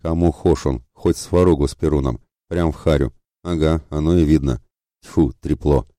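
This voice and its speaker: A man's voice: rumbling low, fairly even intonation, moderate pace, mellow, no echo, clean studio sound. A man voicing a stern male warrior in an audiobook, muttering sarcastically. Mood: sarcastic.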